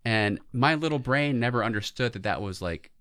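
A man's voice: medium pitch, lively intonation, normal speed, fairly bright tone, smooth. A man in his forties co-hosting a podcast, chatting casually about pop culture. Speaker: podcast co-host.

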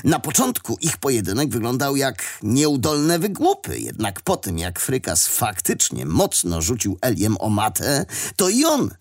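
A man reading a children's adventure story aloud as the narrator, with expressive storytelling. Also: mid-range voice, measured pace. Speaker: audiobook narrator.

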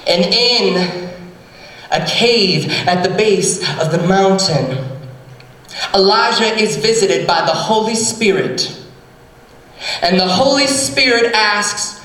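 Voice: medium pitch, lively intonation, fairly bright tone. A storyteller retelling a scripture story wryly with comic asides at a live theatre show. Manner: unhurried, wry, asides. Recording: echoey stage, from far off.

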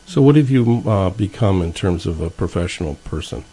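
A man hosting a radio interview, reading his announcements and then asking relaxed questions. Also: deep voice, moderate pace, breathy edge. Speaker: radio show host.

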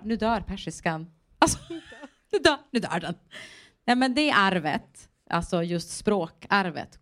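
A woman, an actor on a post-show panel, telling lively personal stories in casual conversation. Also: medium pitch. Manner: chatty, animated storytelling with laughter.

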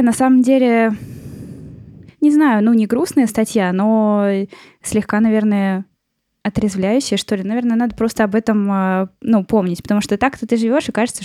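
A woman co-hosting a podcast, talking through ideas casually with frequent pauses and fillers. Her voice is warm and mellow, recorded close and dry with no room sound. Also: medium pitch, no room sound. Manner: relaxed, thinking aloud with many fillers. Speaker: podcast co-host. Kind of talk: casual discussion of an article.

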